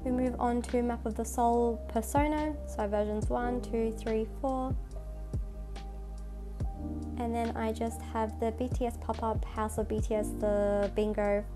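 Her voice is a little high, with a steady tone and measured pace, and a slight cold comes through. The photocard collector hosts her channel with an enthusiastic, chatty voice-over as she shows off her collection. Music plays underneath, and the narration wasn't recorded in the pictured room.

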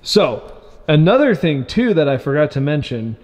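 A man's voice: a little high, sing-song, moderate pace, darkish tone, big-room sound, muffled recording. A man hosting his own vlog, chatting casually and upbeat in a loose, rambling way with asides. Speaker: vlog host documenting a truck build. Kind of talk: casual video diary.

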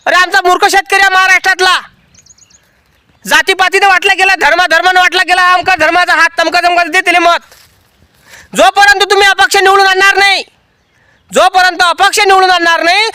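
An angry farmer rails against the government in a very high, piercing voice. His tone is bright and sharp, and the sound is close and dry with no room echo. He speaks outdoors in a cotton field, hammering his points home again and again. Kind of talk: impassioned protest speech to camera.

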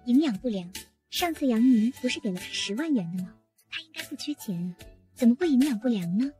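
A woman's voice: on the high side, expressive, a little fast, mellow, faint music behind, close to an everyday voice. A woman voicing a cold, aloof wealthy young man who speaks curtly in an audio comic story. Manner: curt and cold.

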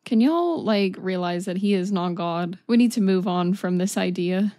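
A woman's voice: medium pitch, normal speed, mellow, dry recording, faint music behind. A woman hosting an anime reaction video, gushing, exclaiming and swearing casually as she watches.

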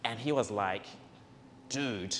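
Speaking slowly in a lowish voice, a young man from Zimbabwe hosts a community event and shares heartfelt, personal thanks with a seated crowd. He uses a handheld microphone, and the large hall adds reverb and faint background noise.

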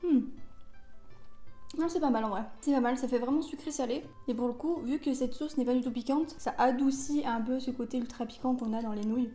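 Chatty young woman with a higher, mellow voice. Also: a little fast, faint music behind. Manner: chatty, rambling with many fillers. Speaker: vlogger. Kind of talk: casual food tasting vlog.

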